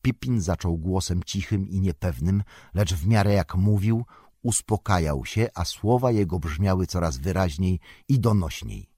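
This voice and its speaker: A man narrating an audiobook in a measured, even storytelling manner. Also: deep voice, husky, dry recording, studio quality.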